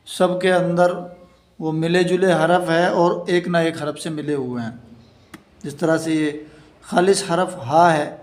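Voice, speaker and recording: A man teaching an Urdu reading lesson, slowly sounding out letters and repeating each sound. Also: on the high side. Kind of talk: slow step-by-step reading lesson. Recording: echoey room.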